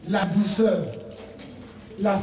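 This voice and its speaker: A preacher giving a sermon, addressing listeners as beloved and laying out points one by one, often dropping soft and quiet on key words. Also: medium pitch, little pitch movement, drawn-out words, a little hiss or hum. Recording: echoey room, voice heard from a distance.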